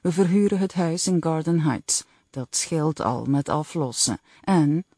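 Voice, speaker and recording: A woman reading the lines of a calm, teasing father in an audiobook. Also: mid-range voice, a little slow, slightly rough, dry recording, studio quality.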